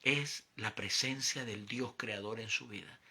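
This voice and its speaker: A man's voice: fairly low pitch, unhurried, pushed and bright, slightly rough. A man tells a personal testimony and preaches, acting out the voices of the people in his story.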